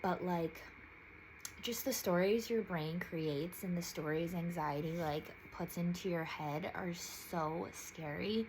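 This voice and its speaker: A woman's voice: fairly low pitch, slow pace, noisy background. A young woman in her twenties telling a personal story in a casual vlog, chatty and full of "like"s, jumping her voice up when quoting others. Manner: chatty, filler-heavy, emotional, many "like"s. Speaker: vlogger.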